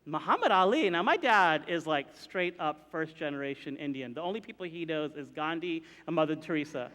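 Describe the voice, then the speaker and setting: Animated, bright-voiced pastor telling a story. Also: male voice, on the high side, fairly quick. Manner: animated, comic, chatty with many likes. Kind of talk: storytelling sermon. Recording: reverberant hall.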